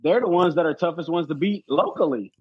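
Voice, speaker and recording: A competitive cornhole player appears as a guest on a sports podcast, chatting casually in a fairly high, husky, animated voice that runs a little fast. He's emphatic and repeats phrases to drive his points home. There's no room sound, and the audio is dull and band-limited.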